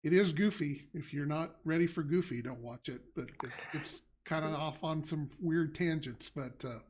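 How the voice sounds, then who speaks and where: A middle-aged man with a slightly raised pitch hosts a relaxed live show. He rambles through his answers, circling back with restarts and fillers as he explains game design and chats about what he's been watching. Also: moderate pace, breathy edge. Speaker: game company head and show host. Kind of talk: casual livestream chat.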